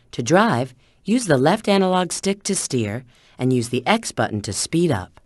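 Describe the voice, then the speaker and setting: A confident, sly bat-woman spy from a video game. Her pitch moves in lively swoops as she coyly hands out tips and instructions. The sound is dry, with no room around it. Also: no room sound, full character voice. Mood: coolly instructive. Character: sly, confident adult female bat spy, helpful sidekick. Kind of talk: video game character hint lines.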